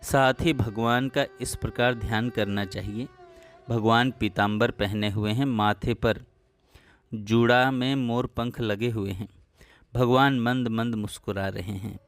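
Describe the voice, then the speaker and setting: A man narrating a devotional story in a calm, measured reading voice. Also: mid-range voice, dry recording, faint music behind.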